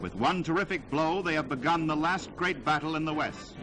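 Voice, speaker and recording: A man's voice: fairly high pitch, a little fast, rough recording. A man narrating a 1940s wartime newsreel in a dramatic, declamatory delivery, heard on an old newsreel soundtrack. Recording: loud music score underneath.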